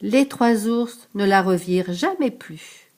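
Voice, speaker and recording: An older woman reading a picture book aloud to a grandchild, lively, stopping to explain hard words. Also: mid-range voice, takes it slowly, noisy background.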